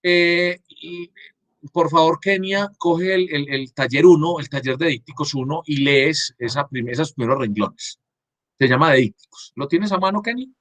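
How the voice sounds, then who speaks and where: A man's voice: fairly high pitch, moderate pace, a bit bright, no echo. A man with a Colombian Spanish accent teaching a class over a video call. He explains step by step and keeps checking in with his students. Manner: explanatory, asks "¿cierto?" and "¿sí?" to check understanding. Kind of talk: online class lecture.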